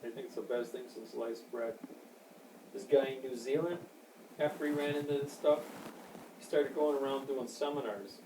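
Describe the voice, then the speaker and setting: A man in his sixties with a gravelly voice, rambling and boasting in a casual interview. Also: mid-range voice, steady tone, normal speed. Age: 60s. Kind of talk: casual chat. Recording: echoey, distant, noisy amateur recording.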